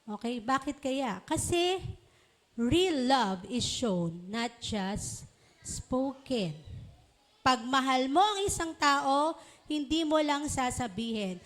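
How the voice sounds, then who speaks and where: A woman with a high voice gives a slow, unhurried sermon to children and parents. She coaxes her listeners along, asking questions and checking that they follow. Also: animated. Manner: coaxing, asks rhetorical questions and checks in with "no?". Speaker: church teacher.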